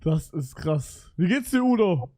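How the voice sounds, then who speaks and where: A man's voice: a little high, big pitch swings, a little slow, a little mellow. A man chatting casually as a video host with random people online, using slangy street German. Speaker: YouTuber host.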